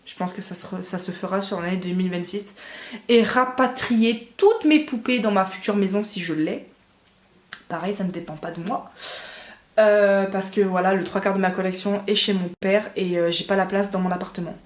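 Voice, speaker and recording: A woman's voice: medium pitch, normal speed. Chatty young woman in an echoey room. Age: 20s. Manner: chatty, hesitant with many fillers. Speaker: doll collector vlogger. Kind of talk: casual Q&A vlog.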